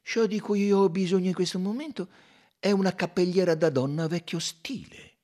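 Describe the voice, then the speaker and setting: A man's voice: sits high, moderate pace, mellow, pitched above the performer's own voice, lightly acted. A man voicing a fussy little Belgian male detective who mutters and insists. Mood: puzzled, commanding.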